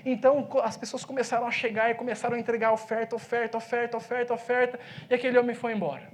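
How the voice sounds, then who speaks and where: A man with a Brazilian accent, a pastor preaching in a church, telling a story with lively swings from loud to hushed speech. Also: very high-pitched, rapid-fire. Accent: Brazilian Portuguese. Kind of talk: sermon storytelling. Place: church sanctuary.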